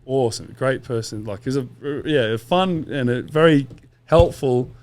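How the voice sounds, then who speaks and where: A man's voice: medium pitch, moderate pace, a little mellow, no echo. A man, a podcast guest telling long stories in a casual, rambling way with quoted asides and swearing. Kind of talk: casual interview chat.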